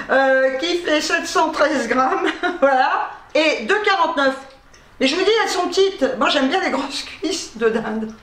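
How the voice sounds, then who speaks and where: A woman's voice: high voice, a bit bright. A woman chatting casually about her grocery haul, joking and laughing often between filler words. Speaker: vlogger. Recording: echoey room, faint noise.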